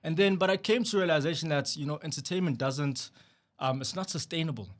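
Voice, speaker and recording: A man's voice: on the high side, fairly quick. A young South African man from Durban, a party spokesperson answering interview questions earnestly, often repeating words and saying "you know" as he gathers his thoughts. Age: young adult. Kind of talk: conversational interview.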